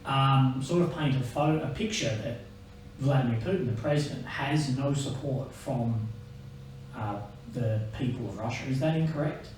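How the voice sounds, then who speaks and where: A man's voice: medium pitch, normal speed, darkish tone. A man interviewing conversationally, putting tentative, carefully worded questions. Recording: very echoey, distant, faint noise.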